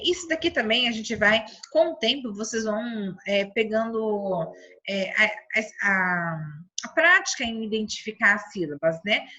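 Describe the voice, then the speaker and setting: A Brazilian woman teaching young children from home, speaking slowly and stretching each syllable. Her voice sits fairly high, bright and a little husky. The recording is dull and lo-fi. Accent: Brazilian Portuguese. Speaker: primary school teacher. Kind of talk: remote lesson for children.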